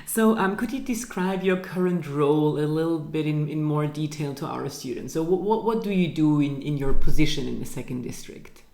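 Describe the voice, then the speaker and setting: A woman's voice: deep voice, moderate pace, vocal fry, dark tone. Woman interviewer, friendly and careful, roomy echoey office sound. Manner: friendly, careful, with fillers and restarts. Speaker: program director, interviewer. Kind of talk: interview hosting. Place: university office.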